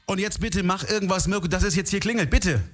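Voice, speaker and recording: A man hosting a live call-in quiz in an infomercial style, pressing viewers urgently and repeating his pitch in a TV studio. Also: fairly bright tone, soft background music. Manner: repetitive, slowly recites phone number digit by digit. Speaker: call-in quiz show host.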